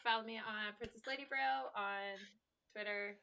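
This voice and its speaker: A woman's voice: on the high side, steady tone, normal speed, gravelly, sharp tone. A woman player chatting casually and easily. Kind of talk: casual chat.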